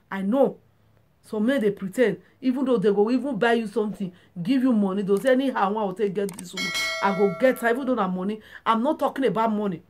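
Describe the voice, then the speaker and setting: A woman with a Nigerian accent, giving relationship advice in a casual, preachy vlog monologue full of rhetorical questions. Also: on the high side. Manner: preachy, emphatic, asks rhetorical questions often.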